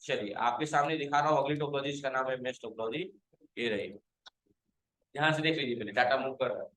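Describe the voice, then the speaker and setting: A man's voice: medium pitch, fast, a bit bright, echoey room, rough recording. A male computer teacher giving a classroom lecture, quizzing his students, calling them to stand and scolding those who have not understood.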